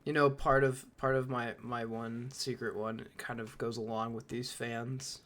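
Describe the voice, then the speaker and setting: A man's voice: mid-range voice, unhurried. Man ranting in casual chat. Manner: animated, ranting, swears freely. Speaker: podcast co-host.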